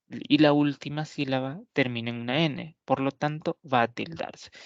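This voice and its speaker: A man's voice: mid-range voice, no room sound. Guy teaching a grammar lesson, asks himself questions and answers, kinda dull lo-fi sound. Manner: repeats example words slowly. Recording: dull lo-fi dry recording.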